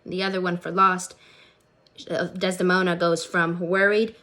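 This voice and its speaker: A young woman, a student co-director, earnestly reading out an explanation of her scene, slightly hurried. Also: lowish voice, level tone, bright, forceful tone.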